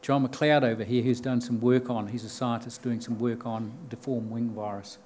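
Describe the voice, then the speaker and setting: A man's voice: mid-range voice, flat delivery, moderate pace, a little mellow, a little hiss or hum. An older man with a New Zealand accent giving a conference talk from a podium, explaining plainly with frequent ums and restarts. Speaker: conference speaker. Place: lecture room with bookshelves and audience. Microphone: podium mic.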